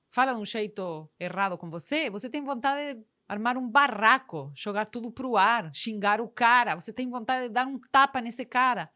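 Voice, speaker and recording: A woman delivers a parenting lesson in a fairly high voice. She speaks firmly and emphatically and presses her points with rhetorical questions. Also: sharp tone. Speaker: parenting educator. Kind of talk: direct-to-camera parenting lesson.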